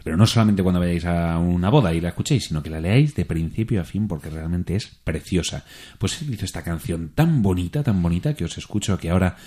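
A man, presenting a radio show in a gentle, earnest way. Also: sits low, fast talker, husky. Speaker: radio host.

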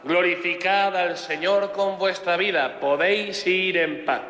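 Casting: man as Mass celebrant, Castilian Spanish, measured solemn prayer, fairly high pitch, very echoey church acoustic. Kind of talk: liturgical prayer and blessing. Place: large echoing parish church. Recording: echoey church with long reverb.

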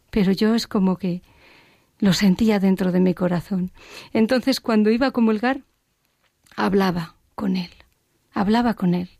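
A woman giving an earnest personal faith testimony, reflective and sometimes dropping to a hush. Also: mid-range voice, creaky, no echo, clean studio sound. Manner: earnest, reflective, drops to a hushed whisper at times.

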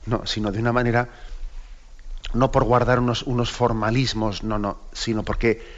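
A man's voice: mid-range voice, little pitch movement, moderate pace. Man from Spain teaching catechism, slightly dull recording. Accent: Spain Spanish. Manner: conversational, with frequent tag questions to listeners. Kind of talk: catechesis talk.

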